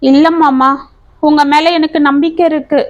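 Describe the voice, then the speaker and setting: A woman voicing a gentle, anxious young woman. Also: sits high, steady tone, moderate pace, muffled recording, lightly acted.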